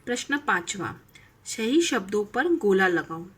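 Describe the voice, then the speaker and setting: Woman, primary school teacher, unhurried, bright but husky, teacherly questioning. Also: medium pitch, big pitch swings. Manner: drawn-out word readings with teacherly questions. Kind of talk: slow, clearly enunciated lesson for young children.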